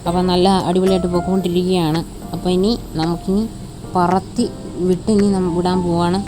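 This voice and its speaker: A woman's voice: lowish voice, little pitch movement, fairly quick, music in the background. A woman with a Malayali accent giving casual gameplay commentary, mixing Malayalam with English words and chummily addressing viewers as buddies. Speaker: gaming channel host.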